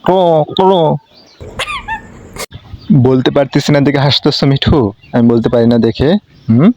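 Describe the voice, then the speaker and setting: A man patiently coaxing his pet parrot to mimic a crow, in a gentle, coaxing way. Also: medium pitch, fairly even intonation, quick pace, dull audio. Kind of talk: coaxing talk to a pet bird.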